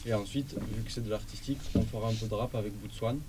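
A man's voice: on the low side, fairly even intonation, quick pace, noisy background. Man hosting a school radio show. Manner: friendly, encouraging, hesitant with fillers.

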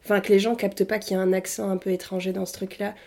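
A woman's voice: medium pitch, little pitch movement, fast, creaky, warm tone. A young woman from Tunisia, a native Arabic speaker, talking casually and hesitantly about her life, with slang and many fillers. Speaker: interviewee. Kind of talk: casual personal testimony.

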